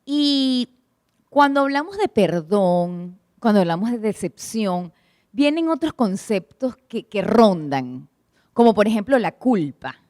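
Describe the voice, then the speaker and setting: A woman's voice: medium pitch, big pitch swings, slow pace, darkish tone, no echo, clean studio sound. A woman preaching to a church congregation, asking them questions and retelling stories expressively. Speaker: church speaker at a prayer meeting.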